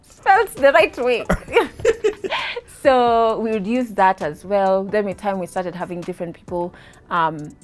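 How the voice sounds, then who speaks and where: A Kenyan-accented woman in her thirties tells her story as an interview guest, animated and laughing, with Swahili words slipping in. Her voice is mid-range and a touch slow.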